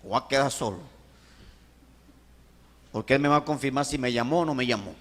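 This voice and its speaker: A Colombian man preaching a testimony as a pastor, telling the story in an animated way, acting out voices and swinging from shouts to hushed tones. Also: medium pitch, fairly quick. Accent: Colombian Caribbean Spanish. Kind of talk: sermon testimony. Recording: long hall reverb.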